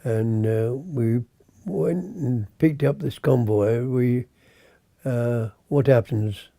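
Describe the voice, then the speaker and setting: A hundred-year-old British man, a navy veteran, remembering his service in a halting, unscripted way, searching for words and trailing off. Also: mid-range voice, creaky, warm tone, dry recording. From Britain. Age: 100.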